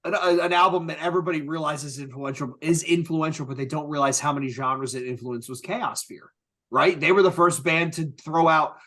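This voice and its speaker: A man's voice: fairly high pitch, brisk, bright, forceful tone. A man co-hosting a podcast, chatting casually and enthusiastically about music. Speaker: podcast co-host. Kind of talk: casual chat.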